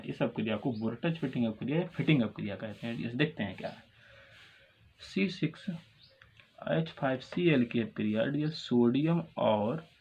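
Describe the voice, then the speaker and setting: A man's voice: medium pitch, gravelly, darkish tone, breathy edge. Man teaching a chemistry lecture. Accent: Hindi-speaking North Indian. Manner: repeats questions and answers, calls students "dears". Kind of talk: classroom lecture. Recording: dull lo-fi sound with faint ambience.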